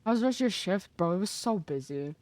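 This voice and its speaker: A woman's voice: medium pitch, lively intonation, quick pace, darkish tone, no echo. A young adult woman streaming live, chatting casually with her chat while gaming and greeting viewers by name.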